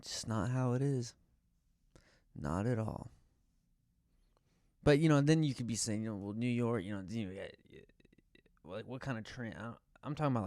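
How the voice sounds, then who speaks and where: Gravelly man ranting casually. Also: mid-range voice, dark tone, no echo, studio quality. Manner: profane, rambling, exasperated storytelling. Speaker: podcast host. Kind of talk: casual rant.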